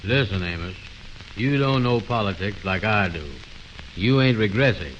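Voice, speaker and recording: This 1920s radio comedy features a low-pitched, blustering know-it-all laying down his opinions in folksy, ungrammatical speech, pompous and muddle-headed throughout. He talks at normal speed with lively intonation and a slightly bright tone, on a dull old recording with faint hiss.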